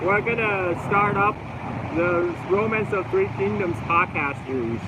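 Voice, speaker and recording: A man's voice: sits high, measured pace. A man in his forties chatting casually with his livestream viewers during a road trip, rambling and answering their questions as they come in. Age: 40s. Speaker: livestream host. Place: moving vehicle on a road trip. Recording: loud wind and road noise.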